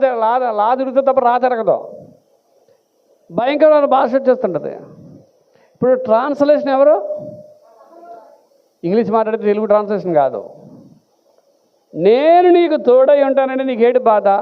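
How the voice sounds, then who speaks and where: A pastor preaching a sermon with animated delivery. He asks the congregation questions and answers them himself. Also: very high voice. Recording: tinny phone-like sound.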